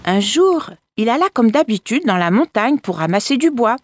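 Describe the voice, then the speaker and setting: A woman storyteller reading a folk tale aloud with expressive delivery, addressing her listeners directly. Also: on the high side, normal speed. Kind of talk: scripted narration of a folk tale.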